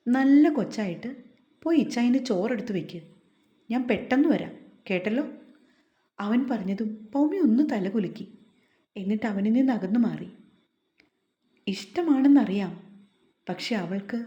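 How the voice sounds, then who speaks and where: A woman reading a romance novel aloud in a calm, unhurried, soft voice. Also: on the high side. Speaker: storyteller. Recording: echoey, slightly muffled home recording.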